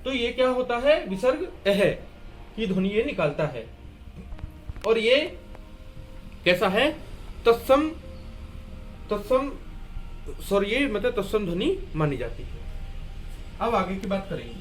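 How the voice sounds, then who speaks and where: High-voiced man teaching Hindi grammar. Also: sing-song, measured pace, pauses often, faint music behind. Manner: asks and answers his own questions, repeating key words; writes and erases on a board while explaining. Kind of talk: classroom-style grammar lesson at a board.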